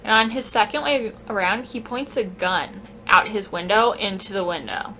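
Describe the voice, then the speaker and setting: A woman telling a casual, animated story on a vlog, swearing freely. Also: medium pitch, normal speed, a little hiss or hum. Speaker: vlogger.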